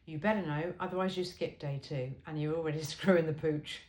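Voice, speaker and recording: This woman's voice sits low with a darkish tone, and she reads briskly with fairly even intonation. The material is a humorous self-help book, delivered in a wry, conversational, emphatic style with chatty asides, captured in an echoey, roomy space.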